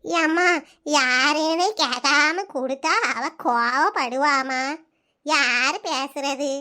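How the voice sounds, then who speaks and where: A woman voicing a slow, muddled old village grandmother in a cartoon, with a southern Tamil Nadu accent and a drawling way of talking. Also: high voice, pushed and bright, voice pushed down, heavily acted. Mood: puzzled. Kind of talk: cartoon voice acting.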